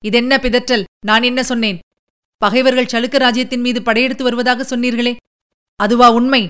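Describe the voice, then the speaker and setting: A woman's voice: on the high side, little pitch movement, moderate pace, fairly bright tone, lightly acted. A woman reading a proud emperor, stately and commanding. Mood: impatient. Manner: stately, formal, pleading then insistent. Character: proud middle-aged male emperor, commanding. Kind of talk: audiobook character reading.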